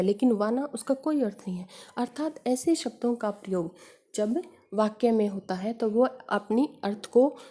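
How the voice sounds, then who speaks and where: A woman's voice: fairly high pitch, dark tone. A woman teacher explaining grammar step by step, working through examples and asking rhetorical questions. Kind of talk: Hindi grammar lesson.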